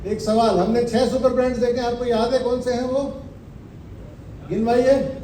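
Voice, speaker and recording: A high-voiced man with a mellow tone leads a motivational business seminar. He speaks emphatically, quizzes the crowd and slowly repeats his slogans. He sounds set back from the mic in an echoey hall. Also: steady tone, distant mic, slight background noise. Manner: emphatic, quizzes the audience with rhetorical questions.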